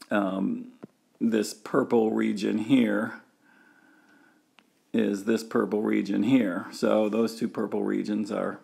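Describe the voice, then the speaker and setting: A man's voice: on the low side, vocal fry, a little mellow. A man giving a recorded engineering lecture, walking through a diagram step by step with frequent fillers and restarts.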